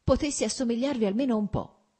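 A woman's voice: a little high, quick pace, dark tone, breathy edge, voice pushed up. Kitty, a woman voicing an eager young lady. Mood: earnest. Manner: intense, emotional questioning. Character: earnest young noblewoman, eager and impulsive.

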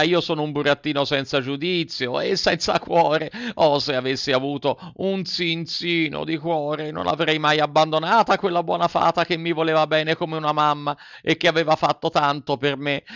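A man voicing a frightened wooden puppet boy in a storybook reading, shrill, pleading and sobbing. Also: fairly bright tone, clean tone, no echo. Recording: dull, dry recording.

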